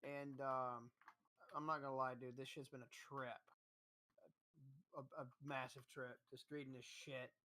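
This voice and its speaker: A man's voice: mid-range voice, little pitch movement, unhurried, pauses often, pushed and bright. A man co-hosting a stream, talking bluntly and profanely and stumbling over his words as he explains. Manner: blunt, profane, stammering restarts. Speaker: co-host. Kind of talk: casual stream commentary.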